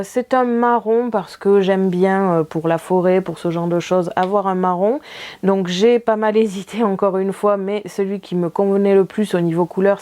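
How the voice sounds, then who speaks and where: A woman's voice: mid-range voice, warm tone. A woman hosting a crafting video, chatting casually about her purchases with many small fillers and light laughs. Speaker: craft channel host.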